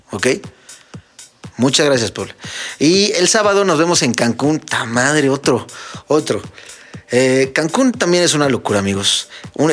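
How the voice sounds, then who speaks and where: A man's voice: mid-range voice, fairly bright tone. Joking Mexican man hosting a podcast. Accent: Mexican Spanish. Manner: joking, storytelling, addresses listeners as friends. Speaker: podcast host and DJ. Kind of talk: casual solo podcast monologue.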